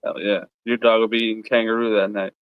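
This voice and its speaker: A man co-hosting a sports watch party stream, tossing in quick jokes and laughing along in casual banter. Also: fairly low pitch, level tone, smooth, no echo, phone-quality sound. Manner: wisecracking, quick to joke and laugh.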